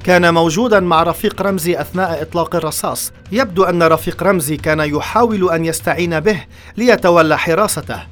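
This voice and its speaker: A man's voice: a little high, a bit bright, voice pushed up, close to an everyday voice. A man voicing an anxious male security officer who answers his boss hesitantly and apologetically, with faint music behind. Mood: reporting. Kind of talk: audiobook dialogue.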